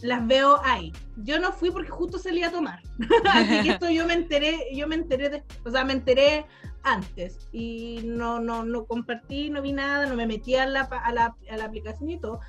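A young woman with a Chilean accent, chatting casually as a podcast co-host, expressive and quick to joke. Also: high voice, faint music behind. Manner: chatty and expressive, laughing and joking along. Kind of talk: casual chat.

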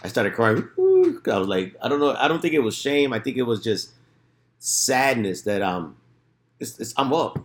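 A man's voice: medium pitch, huge pitch swings, normal speed. Slangy man storytelling in an echoey room. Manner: streetwise slang, peppered with "bro" and "dude". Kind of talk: casual profane storytelling. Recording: roomy, echoing room sound.

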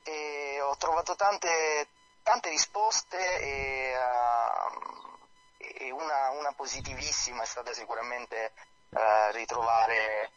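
A man speaking as a guest author on a radio show over a phone line, talking in a hesitant, halting way with many fillers. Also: medium pitch, fairly even intonation, fairly bright tone. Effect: heard over a phone line. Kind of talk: live radio interview by phone.

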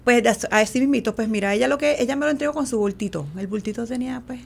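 A middle-aged woman speaks as an interview guest, telling a personal story. Her voice is pitched a little high and is full of heavy vocal fry. She acts out the dialogue she quotes and fills her pauses with hesitations.

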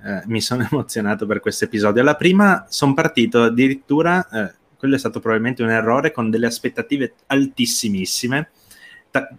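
A man co-hosting a livestream about a TV episode, talking hesitantly with many fillers and occasional light laughter. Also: fairly low pitch.

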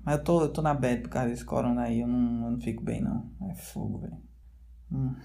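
A man with a warm, mellow tone talks at an ordinary pitch in a loose, rambling chat aimed at his viewers. He leans on slang fillers and drifts from tangent to tangent. He records indoors at home. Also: steady tone, quick pace, gravelly. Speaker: vlogger. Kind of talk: casual rambling monologue to viewers.

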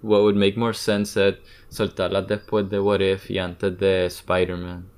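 A Puerto Rican man with a clear, smooth, fairly low voice co-hosts a casual podcast. He talks like an enthusiastic fan and slips freely between Spanish and English in easy Spanglish. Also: completely flat delivery, unhurried, a little mellow. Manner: Spanglish, mixing English words and phrases into Spanish. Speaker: podcast co-host. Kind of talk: casual chat.

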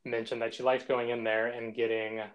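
A man's voice: mid-range voice, completely flat delivery, moderate pace, clear, resonant tone, poor audio. A man in his forties from the United States, co-hosting a casual podcast chat with an easygoing, joking, self-deprecating manner. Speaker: podcast co-host.

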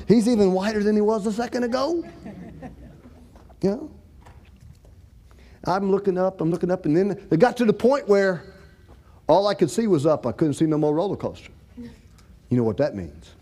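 A man telling a lively story to an audience, acting out scenes. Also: sits high, normal speed, pauses often. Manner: folksy Southern-style storytelling, acts out shouts for help.

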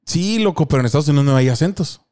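A man's voice: a little high, animated, very fast, dark tone. A man with a Mexican Spanish accent, co-hosting a casual chat podcast, swearing freely, laughing often and acting out film lines. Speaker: podcast co-host.

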